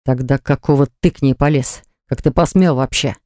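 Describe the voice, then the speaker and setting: An audiobook narrator voicing a jealous, hot-tempered man who snarls and hisses his lines low. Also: normal speed, warm tone, no echo, clean studio sound, natural voice. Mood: snarling.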